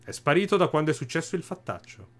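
A man voicing a gruff old bandit boss in a put-on manner, tagging his lines with "eh?". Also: fairly high pitch, sing-song, quick pace, voice pushed up. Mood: mocking. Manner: drawling mafioso address, tags "eh?".

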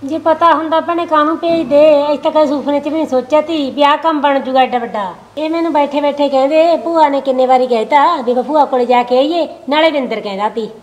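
A woman plays an anxious village wife with a Malwai Punjabi accent. She has a high voice and talks fast and earnestly. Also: darkish tone, close to an everyday voice. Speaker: actor in a village short drama. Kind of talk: amateur village drama acting.

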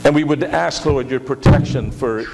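In a large church sanctuary, a middle-aged pastor with a medium-pitched, gravelly, slightly mellow voice leads prayer and gives announcements at a moderate pace. He speaks earnestly, often repeating words, and the hall's reverb comes through with some hiss.

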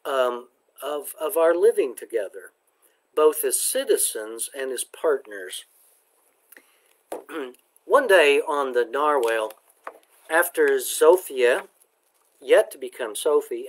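Man doing a library book talk, reads passages, slow and deliberate, voice a bit high. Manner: slow, deliberate, measured delivery. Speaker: book discussion presenter.

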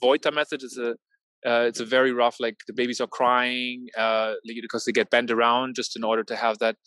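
Over a video call from an outdoor marina, a thirty-something tech founder from Norway and Germany answers casual interview questions as a guest. His mid-range voice is a bit bright, clear and resonant, delivered fairly quickly and flatly, with many hesitations, fillers and restarts. No echo is audible.

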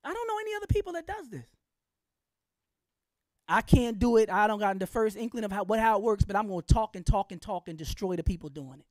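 A woman's voice: medium pitch, animated, fast talker, darkish tone, no room sound, studio quality. A middle-aged woman giving an impassioned public lecture, blunt and colloquial, firing off rhetorical questions in a preachy, fiery way.

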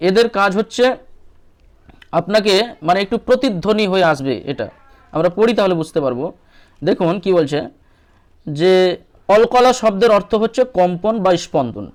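A man teaching a lesson on reading the Quran, patiently asking questions and then answering them himself. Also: sits high. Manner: checks in often with short questions to the viewer. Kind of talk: step-by-step lesson walkthrough.

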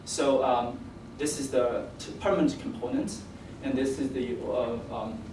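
A young man presents academic work in a hesitant, stop-and-start way, often repeating words. His voice is mid-pitched and picked up from a distance in an echoey seminar room, with faint noise. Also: animated, measured pace. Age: young adult. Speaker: PhD candidate presenting. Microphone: distant camera microphone.

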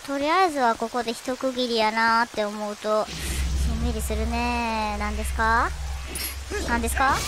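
A woman with a Kansai accent gives game commentary in a high voice that swoops up and down. She chatters and teases the characters on screen. Loud game music plays behind her. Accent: Kansai Japanese. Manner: chatty, teasing, talks to the characters. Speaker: game streamer.

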